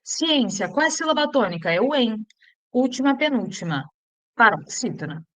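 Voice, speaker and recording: A Brazilian woman teaching an exam-prep grammar lesson in a somewhat high voice. She keeps asking the class questions and answering them herself. When she lays out a rule she slows right down and stresses each item. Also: big pitch swings. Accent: Brazilian Portuguese. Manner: drills with questions, slowing to spell out rules.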